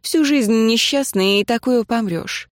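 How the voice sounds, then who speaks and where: A woman's voice: fairly high pitch, unhurried, dry recording, studio quality, close to an everyday voice. A woman voicing a shrewd, homely older village woman who talks in folksy, plain speech. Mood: chiding.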